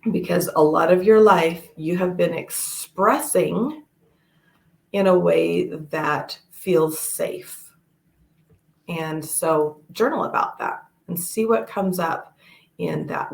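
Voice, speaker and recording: Gravelly, low-voiced woman giving a reading. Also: echoey room. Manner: gentle, measured, with fillers and pauses. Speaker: toe reader. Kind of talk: one-on-one reading to camera.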